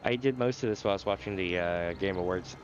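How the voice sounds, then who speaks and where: Talking fast in a low voice, a man casually explains a game during a live stream, chuckling often despite a sore throat and nasal tone. The recording loses its highs and carries a slight hiss or hum.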